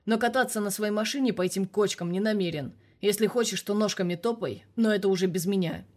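A gruff, hot-tempered police colonel barks down the phone, as a woman reader puts him on. His voice comes louder and forceful, blustering and scolding. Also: mid-range voice, quick pace, close to an everyday voice. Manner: loud, blustering.

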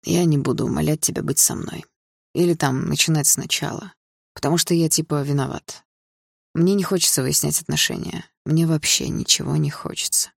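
A woman voicing a sullen, grieving teenage boy in an audiobook, speaking in a flat, clipped way. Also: low voice, moderate pace, gravelly, slightly rough, no room sound, studio quality, exaggerated voice. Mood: weary.

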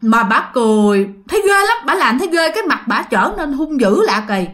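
A woman's voice: fairly high pitch, very animated, moderate pace, fairly bright tone. A woman telling a ghost story in a chatty way, talking straight to her listeners. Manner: chatty, addresses listeners directly. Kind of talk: casual horror storytelling.

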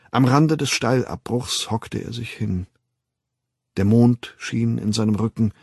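A man reading an audiobook in a measured, grave storytelling manner, close to the mic. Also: fairly low pitch, slightly rough, no room sound. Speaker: narrator. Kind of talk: scripted audiobook narration.

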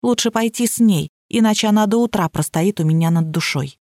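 A woman's voice: medium pitch, fairly quick, darkish tone, dry recording. A woman narrating a comic novel in the first person, with a wry, ironic delivery. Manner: wry, dry ironic storytelling. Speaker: audiobook narrator.

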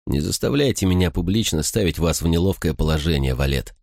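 A man's voice: low-pitched, expressive, a little fast, vocal fry, darkish tone, no room sound, clean studio sound, exaggerated voice. A man voicing an aloof young nobleman in an audiobook, curt and detached. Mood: cold.

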